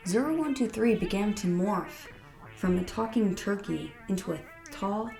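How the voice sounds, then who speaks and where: A woman's voice: mid-range voice, animated, normal speed, gravelly, warm tone, echoey room, faint music behind. A woman narrating a scary holiday story in a dramatic, earnest reading. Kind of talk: scripted horror story narration.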